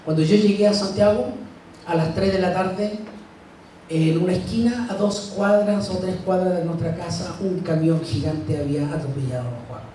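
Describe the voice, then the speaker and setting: Middle-aged man, dark voice, echoey church. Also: sits high, slight background noise. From Chile. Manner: slow, halting, grief-heavy storytelling with long pauses. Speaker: speaker at a church. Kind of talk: personal testimony talk. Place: church hall. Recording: echoey hall, mic far off.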